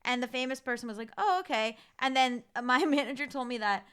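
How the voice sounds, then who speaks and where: A woman in her thirties, a podcast guest telling stories in casual chat, animated and quick to swear. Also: sits high, clear, resonant tone.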